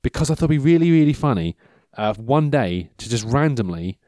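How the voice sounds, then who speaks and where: With a sing-song delivery and a dark tone, a man in his mid-thirties talks briskly in a mid-range voice, recorded without echo. His casual monologue meanders, full of self-interruptions, lost threads, and dry self-mockery.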